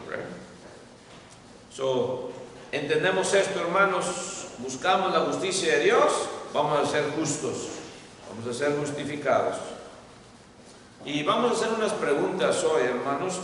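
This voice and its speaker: Man, Bible class teacher, brightish upper voice, questioning style, distant echoey hall recording. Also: fairly high pitch. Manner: asks the class questions, repeats points in English. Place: church hall. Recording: echoey hall, far from mic, faint noise.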